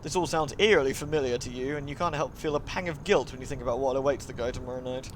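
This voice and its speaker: There's background noise as a live streamer works through a visual novel, his mid-range voice moving at a quick pace. He performs the narration dramatically and keeps interrupting with chatty, playful remarks for viewers.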